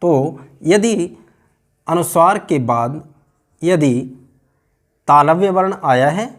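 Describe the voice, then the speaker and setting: A man teaching Hindi grammar in a slow, deliberate way, repeating points to explain them. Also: on the high side, lively intonation. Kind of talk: explanatory lesson.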